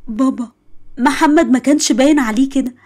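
A woman's voice: high voice, fast, a little mellow. A woman with an Egyptian accent voicing a heartbroken, emotional young woman in a storybook tale, tearful and pleading, fierce when angered. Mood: hurt. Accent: Egyptian Arabic. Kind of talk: storybook voice acting.

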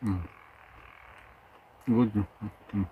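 A man's voice: fairly low pitch, extremely slow, slight background noise. A man hosting an outdoor eating show, talking casually while chewing and murmuring over his food. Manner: relaxed, savoring food, murmurs between bites. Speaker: mukbang host. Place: outdoors camping.

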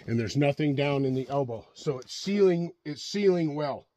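With a mellow, somewhat high voice, a middle-aged man speaks animatedly at a moderate pace about his chainsaw. He's vlogging casually in a snowy forest through a helmet-mounted action camera, repeating himself in a folksy way and regularly asking viewers "right?".

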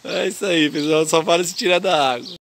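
A man's voice: on the high side, brisk. Chatty brazilian man fishing outdoors. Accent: Brazilian Portuguese. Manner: chatty, teasing, gives pointers. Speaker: fishing vlog host. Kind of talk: casual chat while fishing. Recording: noisy outdoor camera audio.

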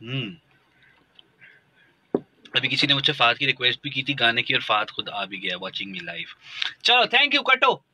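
A man's voice: mid-range voice, big pitch swings, a little slow, long pauses, noisy background. A man from Pakistan hosting a live call-in radio show, bantering and teasing his callers in a chatty way.

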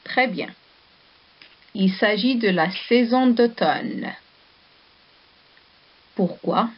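Slow patient teacher lady reading a story to little kids, asking questions, dull lo-fi sound. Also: fairly high pitch. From Morocco. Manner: slow, patient, asks questions and praises answers. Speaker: primary school teacher. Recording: dull lo-fi recording.

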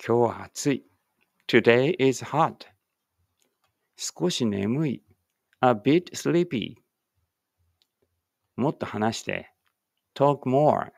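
Very slowly and with care, a male English teacher pronounces a Japanese phrase, then its English equivalent, pair after pair. His gravelly, middle-pitched voice is expressive, captured in a close, dry recording without echo.

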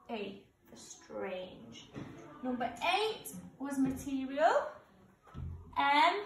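A woman in her twenties, a primary school teacher, giving a slow school dictation for a spelling test with deliberate, careful enunciation. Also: high voice, a bit bright. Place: indoor classroom in front of a whiteboard. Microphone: camera or phone a few metres away. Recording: roomy, distant mic, background noise.

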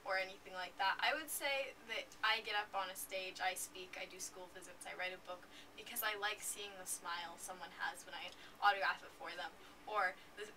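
Seated in an armchair in a curtained indoor room, a fourteen-year-old young author and speaker chats through an interview, laughing often and filling her answers with fillers. Her woman's voice is fairly low-pitched and sharp, a little fast with few pauses, picked up by a distant camera mic with faint noise.

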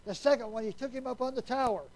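Man, high-pitched voice, preacher, Sunday sermon, folksy conversational delivery, questions to the congregation, hushed at solemn moments. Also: quick pace, poor audio. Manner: drops to a hushed, quiet voice at solemn points.

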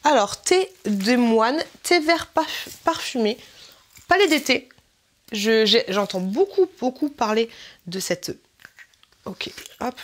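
A woman's voice: a little high, lively intonation, slow, long pauses. A woman vlogger chatting casually and giggling as she opens a swap package, exclaiming often. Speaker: YouTuber opening a swap package. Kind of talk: casual unboxing chat.

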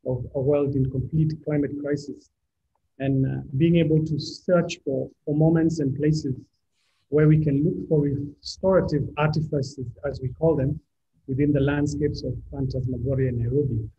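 A male architect from Kenya presenting a design talk over slides, measured, often restarting his phrases. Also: fairly high pitch, steady tone, vocal fry, dark tone. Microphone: video call. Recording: dull lo-fi video call audio with faint noise.

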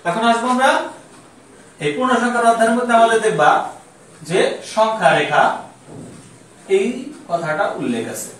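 A male math teacher explains a lesson in a high, animated voice that rises and falls widely. He asks questions and answers them himself, repeating each key term. He sounds far from the mic in a strongly echoing room. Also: normal speed, pauses often, a little hiss or hum.

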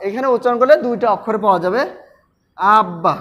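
Through dull lo-fi audio, a man with a high-pitched, fairly bright voice speaks at a quick pace. Teaching pronunciation, he says each word several times over and gives his students instructions directly.

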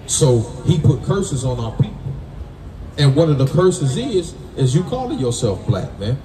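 Warm-toned, with big swings in his medium pitch, the American street preacher teaches the Bible at a measured pace in call-and-response style. His colloquial, emphatic points are punctuated with "right?" and "man," heard through a far-off, roomy mic with people around.

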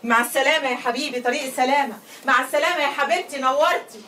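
A woman's voice: high-pitched, very fast, sharp tone, slight background noise. An actress playing a caring, coaxing Egyptian mother in a TV drama, speaking with an Egyptian Arabic accent. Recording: distant voice over music score.

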